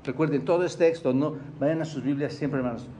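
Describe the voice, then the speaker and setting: Mexican male pastor, higher register, questioning preaching style, faint background noise. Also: fairly even intonation, a little fast, mellow. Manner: questions the congregation, repeats words for emphasis. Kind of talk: sermon.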